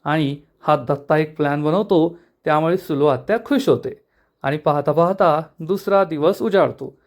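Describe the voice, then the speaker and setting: A man narrating a soap opera episode recap in a brisk, dramatic storytelling style. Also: on the high side.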